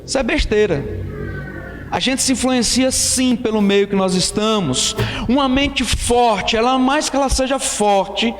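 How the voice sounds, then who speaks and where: A man's voice: very high voice, a little slow, in a large hall, faint music behind. A man preaching a Bible study in a conversational way, with fillers and rhetorical questions to the congregation. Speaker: pastor. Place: church.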